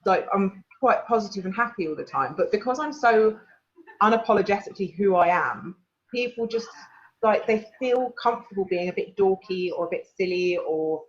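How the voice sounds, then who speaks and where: A woman with an English accent, a guest in a casual interview, telling animated stories and acting out what people said. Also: medium pitch, normal speed, dull audio. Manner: animated storyteller, laughs often, acts out quotes.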